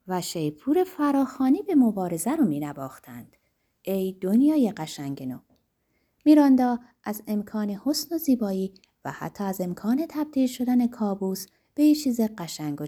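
A woman narrating a novel as an audiobook, reading in a dramatic, expressive way. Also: medium pitch.

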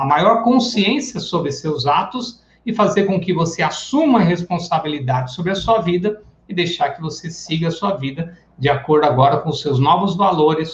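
A man's voice: fairly high pitch, slight background noise. A man teaching psychoanalysis in a live online lecture. He talks in a casual, chatty way and acts out everyday examples. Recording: echoey room, dull lo-fi sound.

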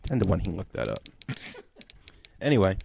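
Man, podcast co-host, low voice, mellow tone, reads with dry asides. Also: fairly quick, a little hiss or hum. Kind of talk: casual chat, reading a listener email aloud.

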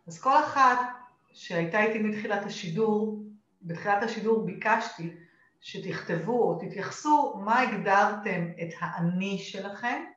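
A woman with an Israeli accent coaching in a live session, emphatic and often checking in with short questions. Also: medium pitch. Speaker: coach and course teacher leading a live session. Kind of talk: live coaching talk, questioning and addressing listeners. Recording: dull lo-fi, echoey room sound.

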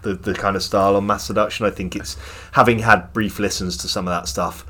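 A man with a deep, low voice talks music on a podcast in a loose, chatty way. He is enthusiastic and opinionated, and his thoughts tumble out as he goes. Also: fairly even intonation, fairly quick, a bit bright. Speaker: podcast co-host. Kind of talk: casual music chat.

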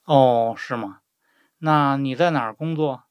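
A man's voice: mid-range voice, a little slow, clean tone, no echo, close to an everyday voice. A man playing a courteous job candidate in a scripted language-lesson dialogue, polite and inquisitive. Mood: polite, curious.

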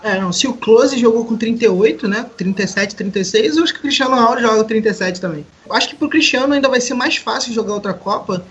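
A man's voice: very high voice, fast talker, few pauses, a bit bright. Thin, reedy-voiced Brazilian man, slightly muffled. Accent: Brazilian Portuguese. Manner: joking, informal. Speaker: podcast host. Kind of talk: casual football podcast chat.

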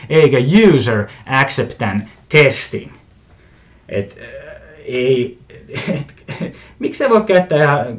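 A man hosting a casual solo podcast, rambling through his pet peeves in a self-mocking, grumbling way, often restarting his sentences and chuckling to himself. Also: a little high. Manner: mimics other people's voices for comic effect. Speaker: podcast host.

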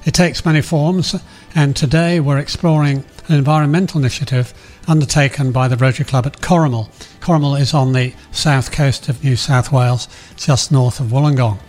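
A man's voice: medium pitch, fairly even intonation, fairly quick, a little mellow, soft background music. An Australian man hosting a community radio programme in a chatty way, addressing listeners directly and interviewing guests.

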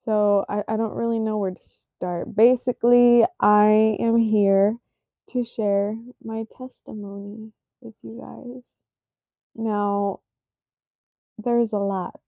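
Sleepy, slow-talking young woman podcaster. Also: medium pitch, flat delivery, no room sound. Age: 20s. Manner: slow, rambling and self-conscious, with frequent fillers. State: sleepy and yawning. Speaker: podcast host. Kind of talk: casual solo podcast chat. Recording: dry, tinny phone-like sound.

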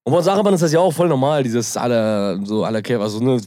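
A man telling stories in casual chat, animated and acting out quotes with laughter. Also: medium pitch, fast, a crowd in the background.

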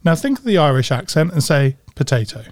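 A man co-hosting a podcast in casual chat at a studio microphone, playful and teasing, with quick interjections. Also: a little high, sing-song, no room sound. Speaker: podcast co-host.

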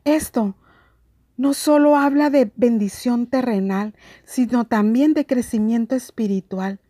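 Female preacher, high and unhurried, earnest sermon, dry close sound. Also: a little mellow, no echo. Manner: earnest, emphatic preaching with scripture readings. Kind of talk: devotional sermon.

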